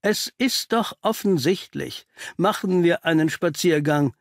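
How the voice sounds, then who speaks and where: A man's voice: fairly high pitch, a little slow, dry recording, clean studio sound. A man reading an audiobook, voicing a confident, cheerful male detective who talks in a teasing, cryptic way. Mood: knowing. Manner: teasing, cryptic, self-assured. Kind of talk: audiobook character voice.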